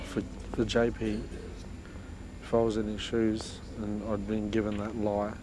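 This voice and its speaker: Male co-commentator, deep monotone delivery, casual and analytical, noisy live venue recording. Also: unhurried. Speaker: pool co-commentator and player.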